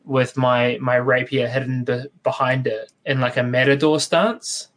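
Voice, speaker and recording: A man's voice: medium pitch, little pitch movement, a little hiss or hum. Man describing his character's moves. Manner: describing actions with halting restarts. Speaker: player. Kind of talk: tabletop game play.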